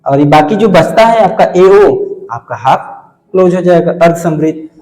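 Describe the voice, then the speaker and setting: A man's voice: fairly high pitch, expressive, normal speed, warm tone. A male teacher giving a grammar lesson for exam preparation. He asks the class questions and answers them himself, and he says vowel sounds over and over to show them. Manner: calls viewers friends and kids. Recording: echoey room with a long reverb.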